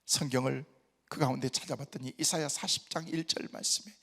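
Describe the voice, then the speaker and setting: Gravelly, bright-voiced Korean pastor preaching. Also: male voice, mid-range voice, fairly even intonation, fairly quick, big-room sound. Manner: storytelling that builds to loud, emphatic exhortation. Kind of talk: sermon with personal testimony. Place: prayer retreat hall.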